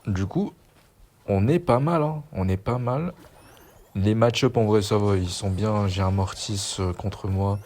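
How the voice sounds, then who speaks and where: A young man chatters through a match, slangy and quick to poke fun at himself. His voice sits low with a dark, soft tone. A faint noise floor runs under the recording. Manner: self-mocking, chatty, slangy. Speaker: gaming YouTuber. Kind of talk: casual gameplay commentary.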